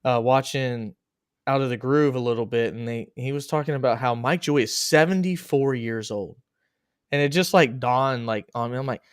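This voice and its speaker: Man, podcast co-host, casual chat, joking, animated, mid pitch, dry close sound. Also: moderate pace, smooth, no echo. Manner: joking, animated, laughs at own bits.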